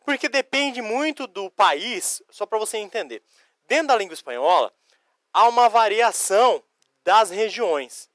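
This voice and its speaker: A man from Curitiba in Brazil teaching Spanish vocabulary in a recorded lesson, explaining each word slowly, spelling out letters and answering imagined student questions. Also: high-pitched, expressive, a bit bright, no room sound, studio quality. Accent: Curitiba Brazilian Portuguese. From Curitiba, Paraná, Brazil.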